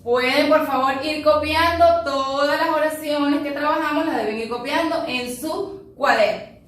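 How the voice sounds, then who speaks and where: A woman teaching a recorded class in a high, bright-pitched voice that rings through a very echoey room. She walks through each rule step by step and keeps checking in with her students. She sounds set back from the microphone. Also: moderate pace, far from the mic. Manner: explains step by step, checks in with "ok?" after each point. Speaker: English teacher.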